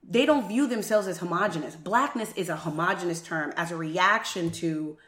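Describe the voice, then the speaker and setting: A woman in casual discussion who acts out quotes with lively jumps in pitch. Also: moderate pace. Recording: echoey room.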